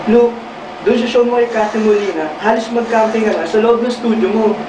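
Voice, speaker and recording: Woman doing a gruff exasperated husband, lecturing, comic redub, faraway echoey voice, noisy background. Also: low voice, steady tone, unhurried, distant mic, voice pushed down. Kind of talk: comedic fan redub of a movie scene.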